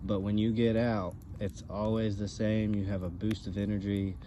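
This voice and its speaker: A man in a casual, halting conversational chat, speaking as a co-host. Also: fairly low pitch, level tone, dark tone. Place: outdoors by a campfire. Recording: outdoor ambient background noise.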